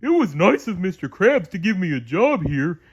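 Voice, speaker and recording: A man voicing a dim, excitable male starfish in a storybook read-aloud, with a high, shouty, whining put-on voice. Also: normal speed, slightly rough, highs cut off, full character voice. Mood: whiny excited.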